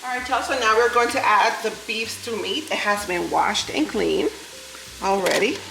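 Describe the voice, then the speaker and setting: This chatty vlogger, a native Spanish speaker in her thirties from New York City, laughs often and calls viewers "y'all" as she cooks in her home kitchen with food frying. Her New York accent carries a Southern lilt. Her mid-range, expressive, gravelly voice moves at normal speed over background music, with roomy sound and poor audio.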